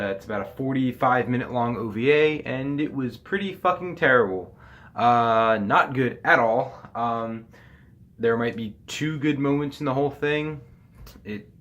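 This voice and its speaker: A young man giving a loose, casual spoken review, full of fillers, swearing freely and dropping his voice low on asides. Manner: loose and rambling, many fillers, frequent swearing; pitch and loudness swing widely, drops low on asides. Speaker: anime reviewer.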